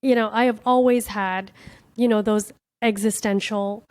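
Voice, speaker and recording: A woman's voice: medium pitch, steady tone, measured pace, a little mellow, no room sound. A woman comedian hosting her own podcast, talking candidly and from the heart in a casual reflective monologue, full of "like" and "you know". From born in India, raised in Miami.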